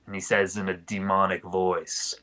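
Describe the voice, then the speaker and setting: A man's voice: sits low, little pitch movement, moderate pace, pushed and bright. A man narrating a tabletop game as game master, improvising vivid descriptions in colloquial language.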